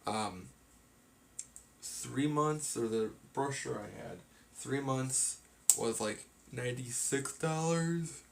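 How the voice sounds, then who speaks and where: A man's voice: mid-range voice, slow, gravelly, a little hiss or hum. A man casually chatting on a live stream, sleepy and yawning, rambling through his plans with lots of fillers. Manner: rambling, filler-heavy, tired.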